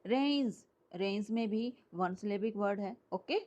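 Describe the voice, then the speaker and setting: An English teacher, a woman, gives a classroom lecture blending Hindi and English, working through each step and frequently asking whether her students follow. She speaks at a medium pitch and measured pace, her tone darkish and the recording muffled.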